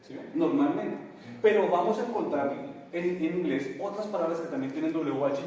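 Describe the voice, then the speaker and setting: Profesor colombiano animado en un aula con eco. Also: male voice, fairly high pitch, normal speed. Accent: Colombian Spanish. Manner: animated, addresses students with Colombian slang. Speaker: English teacher. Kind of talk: classroom lesson. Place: classroom. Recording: echoey classroom, from far off.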